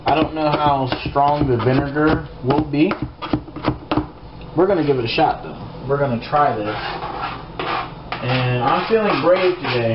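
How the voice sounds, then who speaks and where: A man films himself at the stove for a casual cooking vlog, rambling slowly and hesitating through fillers. His voice sits a little high. The sound comes from a camera mic in an echoey home kitchen, dull and noisy. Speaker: cooking vlogger.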